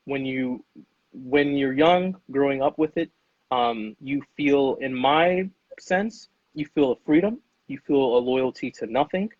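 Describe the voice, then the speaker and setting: A man talks in a husky, slightly breathy voice, earnest and emphatic, tagging his points with "right?". The sound is dry and close, with a somewhat dull, lo-fi tone to the recording. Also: mid-range voice, unhurried, dry recording. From United States. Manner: emphatic, keeps checking in with "right?" and calls the listener "dude". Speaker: podcast guest. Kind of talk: earnest conversational monologue.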